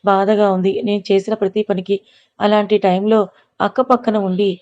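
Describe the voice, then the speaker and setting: A woman's voice: medium pitch, little pitch movement, normal speed, darkish tone, dry recording, natural voice. A woman voicing a remorseful young woman, a younger sister, in a storybook. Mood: rueful. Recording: dull lo-fi recording.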